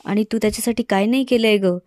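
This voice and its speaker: A woman voicing a calm, caring young husband from a TV serial, read in her own plain, even voice. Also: mid-range voice, fast, dry recording, clean studio sound, lightly acted. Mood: soothing.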